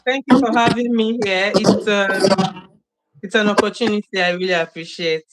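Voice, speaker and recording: A young Nigerian woman joins an interview over a video call, telling stories casually, laughing often and using many fillers. Her mid-range voice is steady at a moderate pace, with a loud crowd audible.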